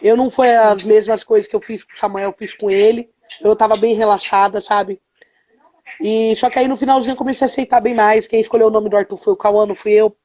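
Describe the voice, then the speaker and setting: A woman's voice: mid-range voice, fairly even intonation, fast talker, dark tone, lo-fi sound. A woman telling her own story as a mother in a live stream interview, with hesitant fillers and quoted dialogue. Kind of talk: emotional personal testimony on a live stream.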